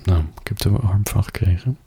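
A man reading an adult story aloud as a bedtime story, soft, slow and intimate, drifting into whispers, close to the microphone. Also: on the low side, breathy edge, dry recording.

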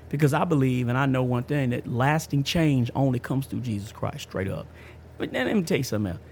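Creaky and slightly mellow at medium pitch, the voice belongs to a podcast host in his fifties. He talks about himself casually, emphatically and in slang, often going back over the same words. The audio carries a little hiss or hum.

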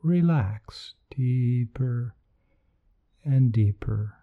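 A man leading a guided meditation in a soothing, gentle, unhurried manner that softens at times toward breathiness. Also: medium pitch, expressive, phone-quality sound. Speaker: meditation podcast host.

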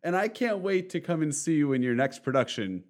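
A man's voice: on the high side, lively intonation, a little fast. Encouraging male interview host. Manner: encouraging, appreciative. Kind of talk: interview hosting.

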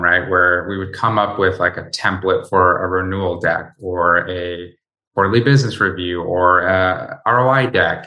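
A man's voice: low-pitched, bright, forceful tone. A man from Bosnia, a startup founder talking as a podcast guest in a conversational way that often tags sentences with "right?". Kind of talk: casual interview talk.

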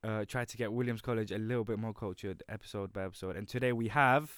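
A man's voice: lowish voice, steady tone, fast talker, a bit bright, no echo, studio quality. Chatty young man. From London, United Kingdom. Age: young adult. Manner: chatty, rambling, self-correcting. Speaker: podcast co-host. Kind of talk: casual podcast chat.

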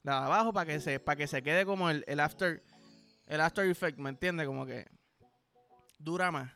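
High-voiced Puerto Rican man, rambling host. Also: normal speed, pushed and bright, faint music behind. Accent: Puerto Rican Spanish. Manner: rambling, playful, profane. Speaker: podcast host. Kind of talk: crude comedic podcast monologue.

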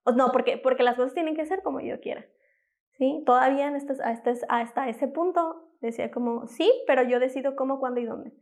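A woman's voice: high voice, a little fast, a little mellow. A young woman, an interview guest telling a personal testimony, acting out the quoted exchanges as she speaks.

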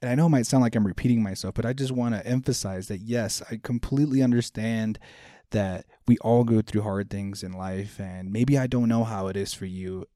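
This man in his thirties hosts a motivational self-help podcast, talking earnestly and directly to listeners and often repeating points for emphasis. His voice sits on the low side with a dark tone, and he speaks briskly. The recording is dry and clean, studio quality.

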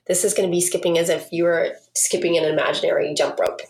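A woman's voice: fairly low pitch, steady tone, fast talker, a little mellow. A woman leading an exercise class as a fitness instructor, giving cues and countdowns in an encouraging way. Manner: encouraging, coaching.

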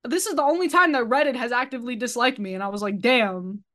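A woman's voice: fairly high pitch, fast talker, a bit bright. A woman speaking as a podcast guest, rambling in a blunt, self-deprecating way with lots of fillers. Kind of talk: casual podcast chat.

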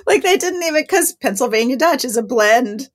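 A young woman guest chatting casually on a podcast, telling lively anecdotes and laughing often. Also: sits high, moderate pace, slight background noise. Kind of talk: casual storytelling chat.

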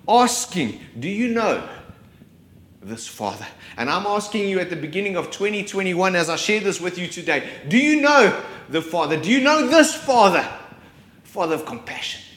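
A man preaching a sermon, his delivery rising and falling with dramatic pauses. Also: high-pitched, sing-song, a bit bright, reverberant. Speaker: pastor.

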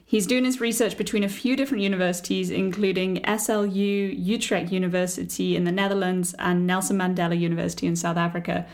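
A woman's voice: lowish voice, steady tone, fast, few pauses, a little mellow. A young woman co-hosting a podcast, friendly and enthusiastic as she introduces a guest. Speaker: podcast co-host. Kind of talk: casual podcast chat.

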